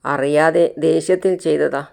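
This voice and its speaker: The narrator voicing a young mother who is angry and protective, with sharp, defiant retorts in a clear voice. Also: low voice, fairly even intonation, moderate pace.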